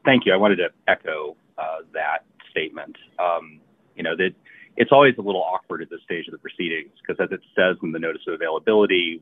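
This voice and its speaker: A man speaking as vice chair in a formal commission meeting, measured and deliberate, over tinny band-limited audio. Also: extremely low pitch, slightly rough, no room sound.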